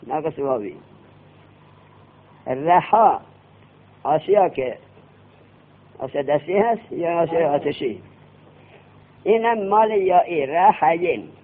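A man teaching a classroom grammar lesson, quizzing his students with quick questions. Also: on the high side. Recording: tinny lo-fi classroom recording.

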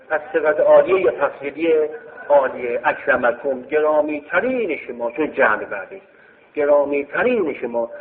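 A man teaching a grammar lesson, explaining step by step and repeating key phrases. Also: on the high side. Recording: tinny phone-like sound in a reverberant hall.

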